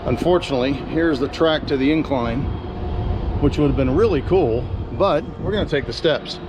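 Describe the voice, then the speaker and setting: Male travel vlogger, outdoor handheld recording with steady background noise, chatty and eager. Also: on the high side, moderate pace. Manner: chatty, enthusiastic tour-guide talk. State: out of breath while climbing. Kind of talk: casual travel vlog narration. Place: outdoors at a railroad overlook.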